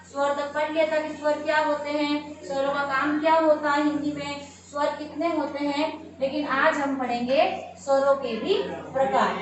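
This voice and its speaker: A young woman teacher explaining a lesson, asking questions and answering them herself, repeating key terms. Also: high voice. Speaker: school teacher. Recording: echoey room, voice far from mic, audible noise.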